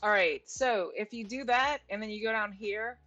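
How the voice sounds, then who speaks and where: A woman's voice: mid-range voice, moderate pace, bright, forceful tone, highs cut off. A woman in her forties from Louisiana with a Cajun accent, rambling and self-interrupting as she writes and talks on a casual livestream. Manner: chatty, rambling, self-interrupting, laughs easily. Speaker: author and livestreamer. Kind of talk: casual think-aloud livestream. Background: faint music and keyboard typing.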